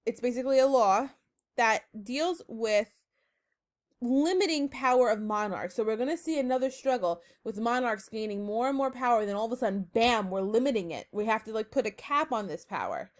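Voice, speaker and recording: Young woman teacher, bright-voiced and chatty, upbeat home-lesson delivery. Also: on the high side, lively intonation, normal speed. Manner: chatty, upbeat, filler-heavy, addresses students as friends. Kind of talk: casual recorded online lesson.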